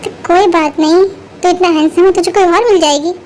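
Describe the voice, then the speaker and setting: A cheerful young buddy who teases and reassures his friend, voiced by a woman. The voice is very high. It is a fan-made audio drama dub. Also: fairly even intonation, fairly quick, slight background noise. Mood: reassuring. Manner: reassuring, teasing.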